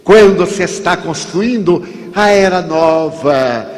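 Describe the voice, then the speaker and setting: Dramatic Brazilian preacher in an echoing hall. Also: male voice, sits high, expressive, takes it slowly. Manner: emphatic, dramatic, stretches key words. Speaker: spiritist speaker. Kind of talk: inspirational sermon with storytelling. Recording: long hall reverb.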